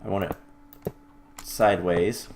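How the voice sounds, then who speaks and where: A let's-play host with a fairly low, darkish voice narrates his gameplay at a desk mic, thinking aloud with lots of "uh"s, restarts and quick self-corrections. His intonation stays fairly even, broken now and then by a dry, wry aside. Faint keyboard clicks, typing and slight background noise sit behind him.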